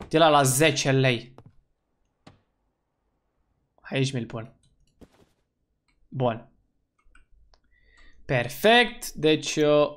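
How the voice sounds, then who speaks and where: A man giving let's-play commentary as a gaming YouTuber, excitable and slangy, breaking into loud whoops. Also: fairly high pitch.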